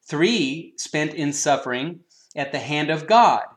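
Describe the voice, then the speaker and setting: A man delivers a sermon in a slightly higher-than-usual voice, reading a commentary aloud. He leans hard into each scripture quote and stops often with an "uh" before going on. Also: animated. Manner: earnest, with emphatic swells on scripture quotes and frequent "uh" pauses. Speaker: preacher.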